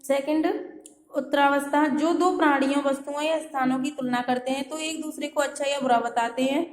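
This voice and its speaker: High-voiced teacher woman in an echoey room. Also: fairly even intonation, fairly quick. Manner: patient, reads example words aloud in lists; often checks in with the children. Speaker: school teacher. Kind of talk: classroom grammar lesson. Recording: echoey room with long reverb.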